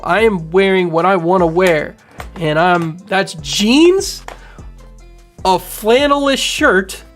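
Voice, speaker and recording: A man in his thirties doing casual livestream commentary from home on a boom mic, rambling and animated, full of fillers. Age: 30s. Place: home room. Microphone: studio mic on boom arm.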